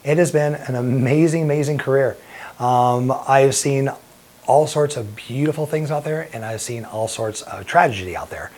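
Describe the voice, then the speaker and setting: A middle-aged man speaks at an ordinary pitch, recounting a personal story straight to the camera. He talks earnestly and lets his emotion show. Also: moderate pace, darkish tone. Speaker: bodybuilding promoter and firefighter.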